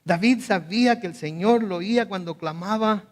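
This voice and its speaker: A male pastor preaching a conversational sermon with animated asides and frequent restarts. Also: sits high, moderate pace. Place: school auditorium.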